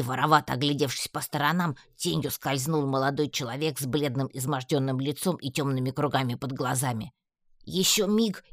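Very low-voiced woman reading an audiobook. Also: no room sound, studio quality. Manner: lively, expressive storytelling. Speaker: audiobook narrator. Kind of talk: first-person audiobook narration.

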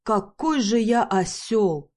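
A woman's voice: medium pitch, lively intonation, a little mellow, pitched above the performer's own voice. A woman putting on a brash bearded male client. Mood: agitated. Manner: mangled grammar, slow and drawling.

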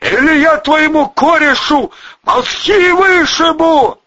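A man voicing a hot-headed young male gangster who yells curses and threats at a hostage-taker. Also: very high voice, takes it slowly, pitched above the performer's own voice, exaggerated voice. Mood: yelling threats. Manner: yelling, cursing threats. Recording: dull lo-fi audiobook recording.

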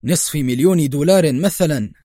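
A calm, sarcastic hero, as a male narrator plays him who taunts his captors without a trace of fear. The delivery is level and a touch raised, close and dry. It is a spoken storybook. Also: on the high side, fairly quick, no room sound, lightly acted. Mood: mocking. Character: cool, mocking male hero facing captors.

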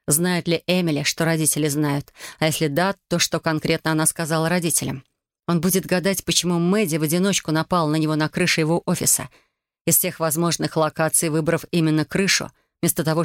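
An audiobook narrator reading a tense scene in measured, even storytelling. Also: mid-range voice, no room sound, clean studio sound. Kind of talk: scripted narration.

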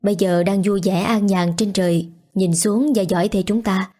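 A tender young husband in a spoken storybook, as a woman reads him, speaking soothingly. His tone is gentle and comforting. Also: mid-range voice, fairly even intonation, moderate pace, close to an everyday voice. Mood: consoling.

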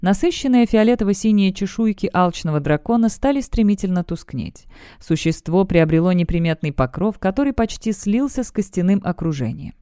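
Woman reading a fantasy audiobook, smooth clear voice, dry close mic. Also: medium pitch, brisk, no room sound. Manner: even, storytelling delivery. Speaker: audiobook narrator. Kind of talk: scripted narration.

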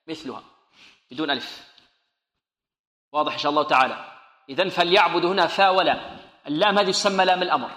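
A man's voice: fairly high pitch, bright, forceful tone. Male Quran teacher in echoey room. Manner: asks questions and answers them himself, slowly demonstrating sounds. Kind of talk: tajweed lesson with students repeating.

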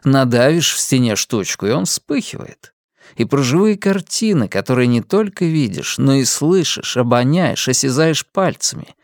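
An audiobook narrator reads with a lilting, expressive delivery that swings freely in pitch. The voice sits at a middle pitch, and the recording is close and dry. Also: normal speed, dry recording.

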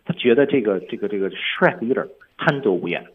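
A man's voice: on the low side, lively intonation, brisk, slightly rough, phone-quality sound. A man teaching English on a radio lesson, explaining film lines step by step.

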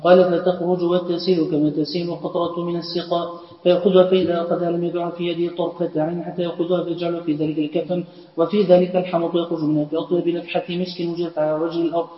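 Male student reader, rapid flat recitation of old texts, distant roomy lo-fi recording. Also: fairly high pitch. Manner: flat, hurried reading of narrator chains. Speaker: student reading the text aloud. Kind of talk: rapid recitation of classical hadith text. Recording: distant, echoey hall, dull lo-fi sound.

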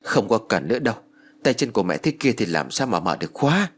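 A man voicing a calm younger brother who speaks in a matter-of-fact way, in a spoken ghost-story audiobook. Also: lowish voice, quick pace. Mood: resigned.

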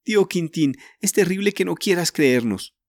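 A woman's voice: on the low side, lively intonation, normal speed, darkish tone, no room sound, pitched above the performer's own voice. Man voicing a sobbing young girl. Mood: tearful pleading. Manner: pleading, sobbing. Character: tearful frightened young girl.

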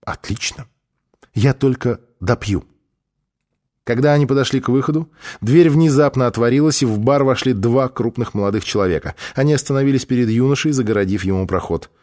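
A man's voice: medium pitch, fast talker, a little mellow. A man narrating an audiobook, shifting his voice for each character's lines. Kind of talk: audiobook reading with voiced dialogue.

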